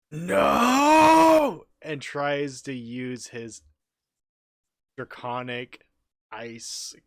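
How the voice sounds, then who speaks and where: A man's voice: lowish voice, no room sound, clean studio sound. A young man narrating his character's actions in a tabletop game, laughing often. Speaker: player.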